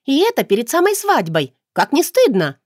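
Woman playing a bold cheeky young bride, high and sharp, storybook voice, dry close sound. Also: expressive, moderate pace, no echo, natural voice. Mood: angry.

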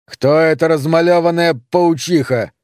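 Роль: разъярённый старый отец-фермер, лающий и презрительный, озвучивает мужчина; голос мягкий, запись сухая. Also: male voice, on the high side, fairly even intonation, normal speed, darkish tone, clear, resonant tone, no echo, studio quality, pitched above the performer's own voice, natural voice. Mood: furious. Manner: barking, scornful. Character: furious old male farmer father, gruff.

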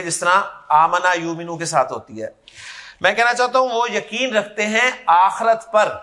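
A man's voice: sits high, sharp tone. A man teaching Arabic grammar in a classroom lecture, explaining step by step and checking that his students follow.

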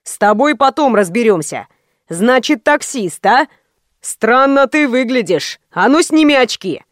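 A woman's voice: a little high, animated, measured pace, no echo, clean studio sound. A woman voicing a smug, lazy man of about forty who runs a gang, drawling and then shrieking. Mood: menacing.

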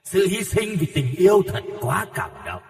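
A man voicing a cruel, mocking male demon with a raspy, deep rumbling voice and slow taunting speech. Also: big pitch swings, faint music behind, heavily acted. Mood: gloating. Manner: slow, drawn-out, taunting delivery. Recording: echoey long reverb, distant from mic.

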